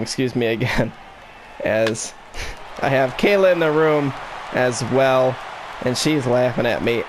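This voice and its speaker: A man's voice: medium pitch, background noise. Man calling a baseball video game with hiccups. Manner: broadcaster-style play-by-play delivery, rising excitement on big plays. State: has the hiccups. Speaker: gaming YouTuber. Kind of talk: mock play-by-play baseball commentary over a video game.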